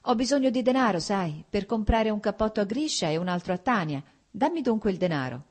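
A woman reader voicing a kind, gentle married woman with children in an audiobook. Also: mid-range voice, expressive, fairly quick, voice pushed up, close to an everyday voice. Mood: friendly. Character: kind, warm-hearted married woman, a mother.

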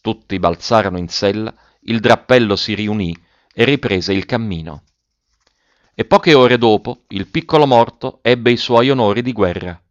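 Low-voiced male audiobook narrator. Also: normal speed, dry recording, muffled recording. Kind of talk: scripted narration of a classic story.

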